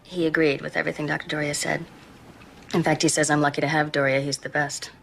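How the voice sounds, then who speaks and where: A tired, firm young wife. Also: female voice, low voice, level tone, fast talker, vocal fry, a bit bright, slight background noise. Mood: weary. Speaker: pregnant sister.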